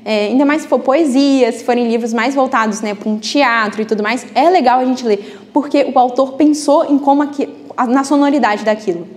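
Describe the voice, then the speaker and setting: A woman's voice: on the high side, fairly quick, few pauses. A woman teaching a live book club class in a chatty way, often adding tag questions. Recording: reverberant classroom.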